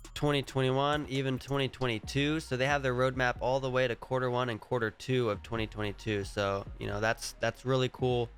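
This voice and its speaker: A man with a cold-stuffed voice gives casual screen-share commentary as a crypto vlogger, wandering through projects on his screen while thinking out loud. His pitch is medium and a bit bright.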